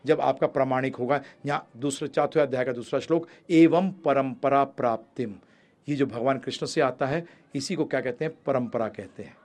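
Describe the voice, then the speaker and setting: In this Gita talk, a preacher puts questions to his audience, whom he calls prabhu ji, and answers them himself. His voice surges to loud, emphatic peaks, then falls to low, rapid asides.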